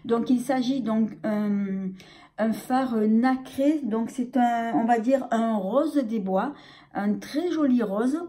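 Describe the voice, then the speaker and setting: French woman, beauty vlogger, slow halting delivery, mellow tone, fairly high voice. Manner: hesitant, many fillers and restarts. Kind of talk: casual makeup review.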